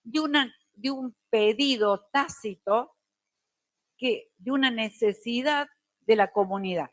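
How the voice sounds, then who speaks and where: A middle-aged woman teacher, lecturing a class slowly and deliberately with careful diction. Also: a little high, no echo.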